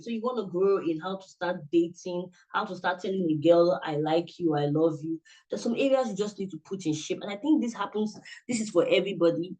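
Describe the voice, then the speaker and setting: A man presents a motivational talk at an online summit, coaching listeners directly in an earnest way and often repeating himself. His voice sits high with a darkish tone, and the audio from his computer mic on the video call is poor.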